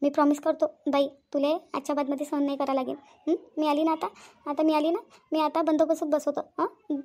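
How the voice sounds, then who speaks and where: A woman's voice: high-pitched, level tone, fairly quick, darkish tone. A woman voicing a comforting adult female friend in a cartoon, soothing and reassuring, often checking with a short "hm?". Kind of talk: Marathi cartoon voice acting.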